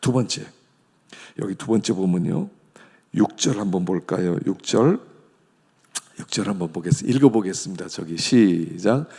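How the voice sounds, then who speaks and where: A male pastor delivers an emphatic sermon, leaping from ringing declarations down to near-whispers. His voice is gravelly and husky, and it carries a long reverb through a church hall. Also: low-pitched, normal speed, long pauses. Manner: emphatic, swings between loud declarations and hushed whispers. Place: church sanctuary.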